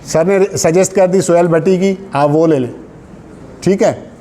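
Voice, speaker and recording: This high-pitched, dark-toned voice belongs to a Sindhi man with a Pakistani accent who is in no hurry. In an informal classroom lecture, he coaches students for exams, slipping English terms and phrases into his instruction and adding short check-in tags.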